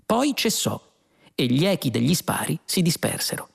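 Guy narrating an audiobook, kinda high voice, really lively, faint music behind. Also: moderate pace, vocal fry, slightly rough.

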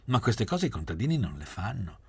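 A man's voice: lowish voice, sing-song, a little fast, breathy edge, pitched above the performer's own voice, heavily acted. A man reading aloud, voicing a mocking, restless young man who needles his friends. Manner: sneering, provocative. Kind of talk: audiobook reading.

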